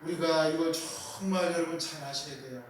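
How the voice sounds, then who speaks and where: High-voiced male pastor, very echoey. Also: fairly even intonation, moderate pace, slight background noise. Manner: rhetorical questions with call-and-response; emphatic, repeating key words. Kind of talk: sermon. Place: small church. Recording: very echoey room, voice from a distance.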